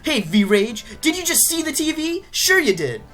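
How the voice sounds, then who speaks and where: A cocky, impatient boy rival in a video game, as a woman acts him out, talking fast, loud and eager. The voice is pitched a bit above her normal talk and swings around a lot, with faint game music underneath. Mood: brash. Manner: brash and excited.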